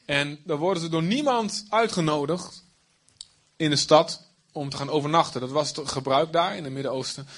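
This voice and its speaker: A man's voice: on the high side, normal speed, fairly bright tone. A man preaching a sermon, explaining the text in plain everyday speech with asides.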